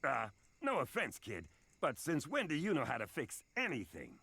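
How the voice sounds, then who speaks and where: A man playing a gruff but kindhearted big creature detective in a game story, gravelly, awkward and hesitant. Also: fairly high pitch, wildly swooping pitch, normal speed, sharp tone, no echo, exaggerated voice. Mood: gruff, kindly. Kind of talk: game voice acting.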